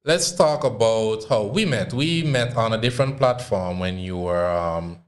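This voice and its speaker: A man hosting a casual interview, relaxed and encouraging, quick to laugh. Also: on the low side. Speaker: host.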